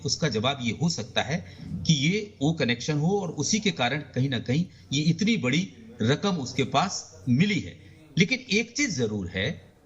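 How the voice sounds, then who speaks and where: Man phoning into a debate: breathy tone, slightly high pitch, dull phone-line sound, emphatic commentary. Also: fairly bright tone. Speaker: senior journalist, panel commentator.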